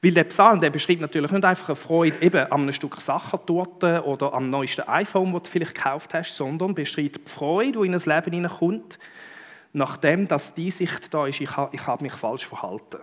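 A middle-aged man with a Swiss German accent preaching a sermon in a lively, conversational way, punctuating his points with emphatic interjections. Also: on the high side, brisk. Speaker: pastor.

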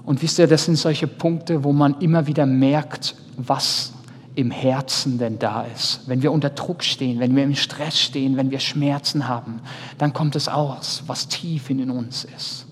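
A man's voice: mid-range voice, fairly even intonation, unhurried, a little hiss or hum. Man preaching earnestly in a reverberant hall. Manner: earnest, addresses listener directly, shifts between loud and soft. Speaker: pastor. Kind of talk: sermon. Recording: reverberant hall, faint ambience.

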